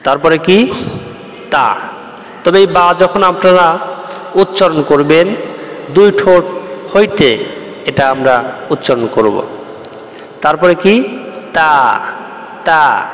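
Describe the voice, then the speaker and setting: A man's voice: on the high side, lively intonation, slow pace, pauses often, echoey room, big-room sound. A man from Bangladesh teaching the Arabic letters, explaining each step patiently and chanting the rhymes in a sing-song voice. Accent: Bangladeshi Bengali. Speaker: Quran teacher.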